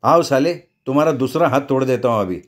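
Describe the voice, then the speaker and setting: A man voicing a drunken, hot-headed brawler who snarls and barks his threats in rough slang. He sounds loud and volatile, as if a knife is always within reach. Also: medium pitch, lively intonation, brisk, natural voice. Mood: snarling. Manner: shouted threats in rough Hindi.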